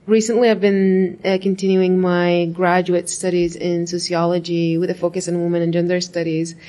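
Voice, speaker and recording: A woman's voice: on the low side, flat delivery, moderate pace, mellow. Reflective young woman. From Iraq. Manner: reflective, frequent "like" and "right?" asides. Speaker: interviewee, graduate student. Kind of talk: casual interview talk.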